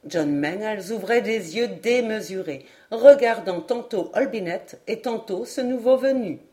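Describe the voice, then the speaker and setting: A woman reading a classic adventure novel aloud as an audiobook narrator, in an expressive literary style. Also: medium pitch, a little slow. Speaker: audiobook reader. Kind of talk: scripted narration.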